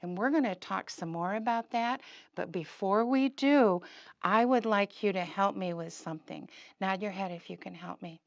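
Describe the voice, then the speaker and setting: Giving young children simple instructions, questions and encouragement, this puppet show presenter for preschoolers runs an interactive lesson at a moderate pace in a mid-range voice. There's no room sound, and the highs are cut off.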